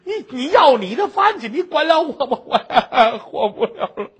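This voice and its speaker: A man voicing a poor middle-aged widow who sobs and pleads in drawn-out wails. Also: high-pitched, big pitch swings, breathy edge, exaggerated voice. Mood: despairing.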